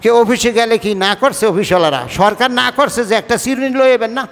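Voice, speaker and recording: In a large hall, an imam with an extremely high, fairly bright voice talks fast and expressively through a Friday sermon. Hailing from Bangladesh's Barishal-Patuakhali region, he speaks Bengali with a Barishal tinge, conversational in style, blending registers and repeatedly turning questions to the congregation.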